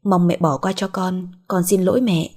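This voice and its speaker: A woman's voice: on the low side, steady tone, normal speed, a little mellow, husky. A woman doing a guilty, apologetic son. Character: young man, guilty, humble son.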